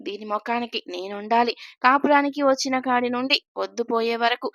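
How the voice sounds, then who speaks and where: A woman's voice: a little high, steady tone, a little fast, a bit bright, no room sound, studio quality. A woman voicing a resentful woman of the house who mutters curses while she cooks, in a storybook reading. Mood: grumbling.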